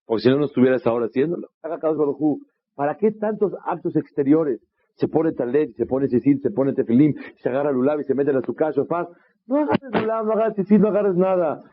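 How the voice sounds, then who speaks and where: A rabbi delivers a sermon with a husky, breathy voice, leaning on rhetorical questions and short acted-out stories. His pitch sits in an ordinary middle range for a man. The recording is dull and lo-fi. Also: fast. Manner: animated storytelling, rhetorical questions, acts out voices.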